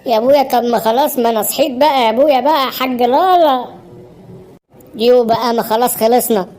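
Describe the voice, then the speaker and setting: A woman's voice: a little high, fast talker, darkish tone, natural voice. A woman voicing a lazy, cheeky schoolboy in a cartoon, whining in an Egyptian Arabic accent. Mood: whiny. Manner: whiny, cheeky. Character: lazy cheeky schoolboy who hates mornings. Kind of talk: cartoon voice acting.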